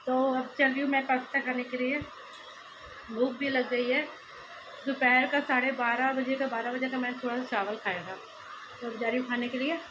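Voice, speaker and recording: A woman's voice: sits high, steady tone, normal speed, muffled recording, background noise. A woman in her thirties chatting casually in a home vlog, coaxing her children and laughing often. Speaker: vlogger and mother.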